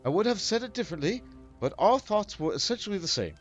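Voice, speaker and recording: A man talks through his game choices in a casual, thinking-aloud way, his pitch swinging up and down. The sound is a little dull, with faint game music underneath. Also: quick pace. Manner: thinking aloud, animated, with many fillers. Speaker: let's play host.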